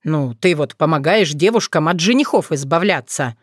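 Woman doing a gruff, grumbling young man. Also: lively intonation, normal speed, dry recording, studio quality. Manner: low grumbling retorts.

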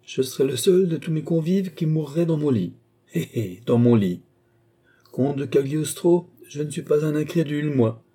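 A man's voice: medium pitch, animated, normal speed, warm tone, slightly rough. A man voicing a vain, sly and jovial very old marshal in a storybook reading. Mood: gleeful.

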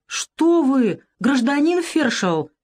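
A woman's voice: high voice, very animated, slow pace, a little mellow, pitched above the performer's own voice, full character voice. Woman doing a fawning sing-song peasant woman. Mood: pleading.

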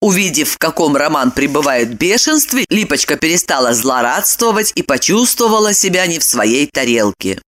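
A woman narrating an audiobook in an expressive, lively storytelling manner. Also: low-pitched, normal speed, few pauses.

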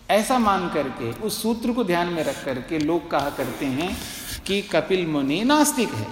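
A man with a high-pitched voice teaches scripture at an unhurried pace. He patiently repeats verses syllable by syllable and keeps checking that his students follow. The recording has a long, roomy hall reverb. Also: slight background noise. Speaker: swami teaching philosophy. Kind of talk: classroom lecture on scripture.

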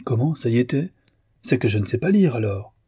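A man voicing a calm, stubborn young violinist in a low, husky voice. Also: brisk, no echo, studio quality.

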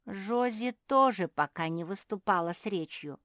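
A woman voicing a loud, bossy young female pug who teases and shouts in a shrill voice for a storybook reading. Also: moderate pace, no room sound, clean studio sound, lightly acted. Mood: teasing.

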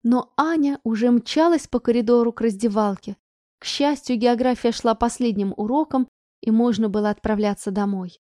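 A woman narrating an audiobook in a steady, even storytelling voice. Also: fairly high pitch, dry recording, studio quality.

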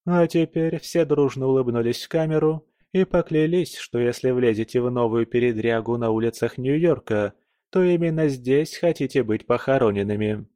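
A man's voice: medium pitch, normal speed, mellow, dry recording, clean studio sound, natural voice. A man voicing a stern, sarcastic mother who scolds her children with mock sweetness. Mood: sweetly menacing.

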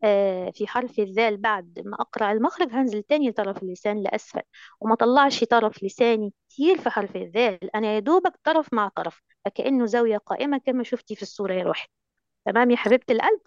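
A woman's voice: on the high side, rapid-fire, dry recording, highs cut off. A woman teacher with an Egyptian Arabic accent, coaching recitation in an online lesson, coaxing and affectionate, full of endearments.

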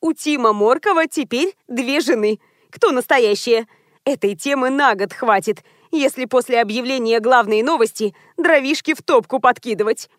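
A woman voicing a pushy, scheming female publicist who talks briskly and confidently in an audiobook. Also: on the high side, dry recording, studio quality, lightly acted.

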